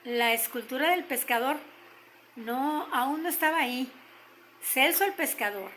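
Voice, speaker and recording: An older woman with a Mexican accent telling a story gently, slowing down to stress key moments. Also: high voice, slight background noise, low-quality recording. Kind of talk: told story.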